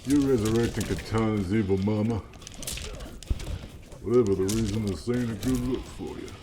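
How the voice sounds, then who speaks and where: A man doing an impression of a gruff old cowboy gunslinger with a tough drawl. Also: lowish voice, fairly quick, background noise, lightly acted. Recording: loud game music behind.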